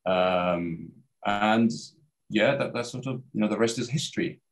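The Iraqi guest scholar, in his thirties, talks a little slowly in a fairly low pitch. He's being interviewed over a webcam video call from a study with bookshelves, and hesitates often with fillers and restarts.

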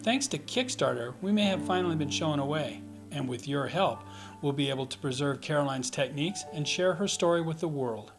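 A man's voice: a little high, animated, brisk. A middle-aged man, a filmmaker, making a sincere appeal straight to camera. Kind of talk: pitch to camera. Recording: voice over loud music.

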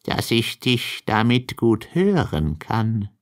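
A man voicing a cunning, mocking wolf in a fairy tale reading, speaking low and slow. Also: sing-song. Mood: sly.

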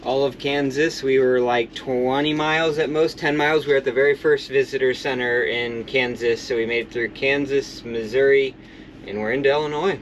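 A man in his thirties vlogging a road trip in relaxed, casual chat, filmed on a handheld camera. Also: medium pitch, normal speed. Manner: laid-back, short agreeing replies. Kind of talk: casual travel vlog chat. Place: inside a motorhome and outdoors in a truck-filled parking lot at night. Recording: noisy road and parking lot background.

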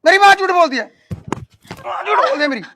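A man's voice: very high voice, expressive, fast, creaky, bright, forceful tone, heavily acted. A man playing a hot-tempered grown son who scolds his wife in a comic sketch. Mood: angry. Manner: blustering, repeats himself angrily.

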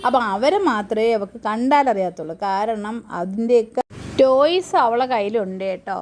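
A fairly high-voiced woman speaks a relaxed home-made vlog voice-over. She talks in an easy, chatty way and keeps turning to her listeners to check they are following. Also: moderate pace, a little hiss or hum. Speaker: vlogger and mother. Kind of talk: casual voice-over narration.

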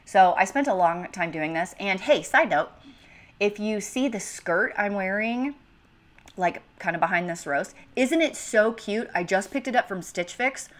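A woman's voice: mid-range voice, expressive, unhurried. A woman in her thirties from the United States, hosting a home cooking channel in a chatty, upbeat voice-over with casual asides. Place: home kitchen.

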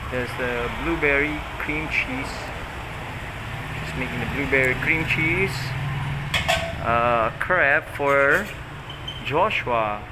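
A man with a Filipino accent narrating a casual travel vlog at an outdoor food stall, slipping Filipino words into his English. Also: mid-range voice. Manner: slow, mixes in Filipino words. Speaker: vlogger filming his family. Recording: loud street and traffic noise.

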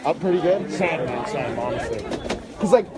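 A man's voice: on the high side, animated, moderate pace. A teenage boy filming a casual school vlog, joking around and hyping up his friends. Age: teens. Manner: hyped, joking, keeps saying "bro". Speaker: vlogger. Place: busy school hallway. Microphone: handheld camera. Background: crowd of students talking.

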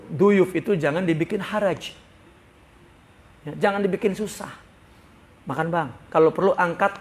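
Gravelly high-voiced man teaching with flair. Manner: lively storytelling with playful acted dialogue. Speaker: religious teacher. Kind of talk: sermon teaching from a book. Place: study gathering hall.

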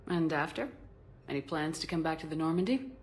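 A North American actress playing a composed, supportive military commander in a video game, measured and concise. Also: female voice, deep voice, lively intonation. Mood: supportive, calm. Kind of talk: naturalistic game dialogue acting.

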